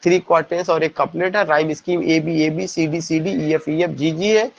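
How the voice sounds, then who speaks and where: A man gives an exam-prep lecture and mixes Hindi with English. He asks rhetorical questions and then answers them himself. His voice sits a little high, and the recording is muffled and lo-fi. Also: steady tone, moderate pace, creaky. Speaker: teacher.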